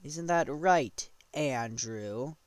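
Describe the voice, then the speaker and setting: A man voicing a menacing male fantasy king who taunts the one he is hunting in slow, drawn-out words. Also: medium pitch, lively intonation, clean tone, no echo. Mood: taunting.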